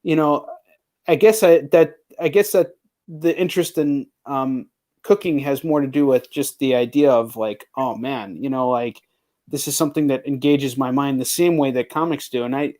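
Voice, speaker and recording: The host of a live chat show runs a casual video interview in a medium-pitched, slightly mellow voice at normal speed. His talk is informal and slangy, packed with "like" and "you know."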